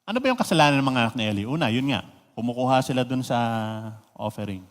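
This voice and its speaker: A man preaching a sermon, lively, full of rhetorical questions and mixing in English phrases. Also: mid-range voice, fast, big-room sound. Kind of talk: radio sermon.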